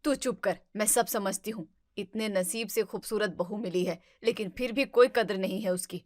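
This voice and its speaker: A woman's voice: mid-range voice, normal speed, no room sound, studio quality, pitched below the performer's own voice, natural voice. A woman playing a bossy but fond mother who scolds her son in a family drama. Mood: scolding. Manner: scolding, commanding.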